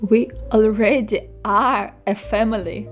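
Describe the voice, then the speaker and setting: A woman acting as a blunt young woman in an animated short, talking in a casual, emphatic way. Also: mid-range voice, slow pace. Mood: defiant. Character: blunt, childfree young woman chatting with friend. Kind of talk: animated short film dialogue. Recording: music under the voice.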